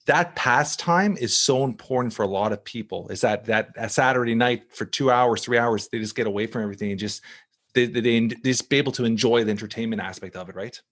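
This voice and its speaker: A man hosting a podcast in casual conversation, eager and asking quick follow-up questions. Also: mid-range voice, fairly bright tone. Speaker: podcast host.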